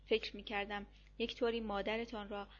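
A woman narrating a novel aloud in steady, measured storytelling. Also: medium pitch, highs cut off. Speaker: audiobook narrator. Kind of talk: reading a war novel aloud.

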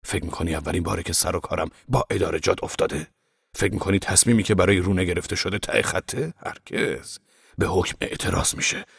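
A man doing a gruff stubborn old grump. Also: low-pitched, steady tone, fairly bright tone, no room sound, clean studio sound, heavily acted. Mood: defiant grumbling. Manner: blunt, irritable, dismissive.

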